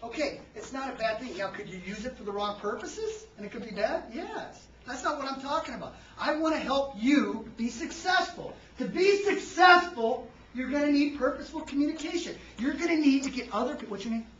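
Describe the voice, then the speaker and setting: A man's voice: extremely high pitch, fairly quick, few pauses, slight background noise. A man leading an interactive workshop. He keeps questioning the audience and tagging his points with "right?". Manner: quizzes the audience, tags lines with "right?"; energetic, varies loudness for emphasis. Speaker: seminar presenter. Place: seminar room. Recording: echoey, distant, dull room recording.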